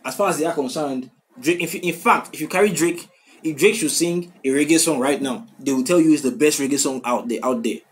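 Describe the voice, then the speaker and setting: A man hosting a music reaction video, talking in an excitable, casual way and repeating phrases and "bro" a lot. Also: a little high, a little fast. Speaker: music reaction channel host.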